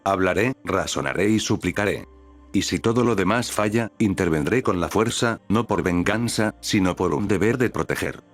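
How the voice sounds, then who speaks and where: A man's voice: low voice, expressive, moderate pace, soft background music. A man voicing a steadfast, protective fatherly man who speaks firmly and with passion. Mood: resolute. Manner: firm, impassioned, resolute.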